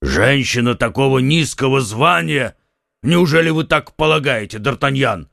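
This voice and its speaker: Dude doing a gravelly blabbermouth musketeer, always teasing, dry close audiobook sound. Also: male voice, mid-range voice, lively intonation, normal speed, a bit bright, no echo, pitched above the performer's own voice. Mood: scornful. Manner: teasing, scoffing. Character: loud boastful male musketeer, mocking and indiscreet.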